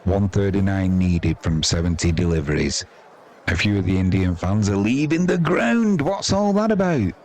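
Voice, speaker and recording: This English cricket commentator and stream host has a deep, darkish voice that is expressive and moderately paced. He keeps the live commentary chatty and informal with wry, colloquial asides, while a stadium crowd makes noise behind him.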